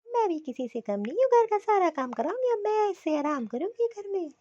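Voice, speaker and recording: A lazy, scheming young daughter-in-law from a cartoon, voiced by a woman, sugary and sly as she dodges her chores. The voice is very high, and the recording sounds a bit dull and lo-fi. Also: very animated, fairly quick, warm tone. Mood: gleeful.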